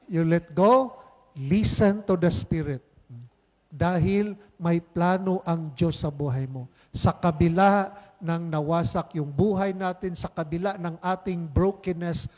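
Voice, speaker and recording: A man's voice: on the high side, darkish tone. A male priest giving a conversational homily at Mass, mixing English into Filipino and often checking in with "di ba?" and "okay?", with playful asides. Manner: conversational, keeps asking "di ba?" and "okay?"; mixes English phrases into Filipino. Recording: long hall reverb.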